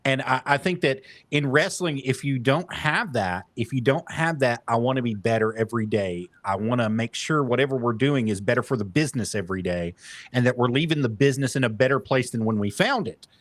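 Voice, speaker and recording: A man's voice: mid-range voice, brisk, dry recording. Dry-sounding, eager male interview host. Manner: enthusiastic wrestling fan, laughs easily. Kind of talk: casual interview.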